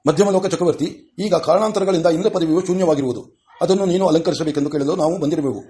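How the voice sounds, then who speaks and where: A man voicing a wise, stately male teacher of the gods, in a measured, formal audiobook reading. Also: on the high side, dark tone, natural voice.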